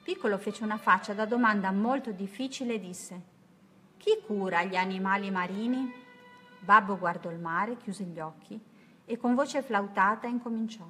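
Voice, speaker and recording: Gentle woman reading a children's story. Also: medium pitch, moderate pace. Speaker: narrator. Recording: music playing behind.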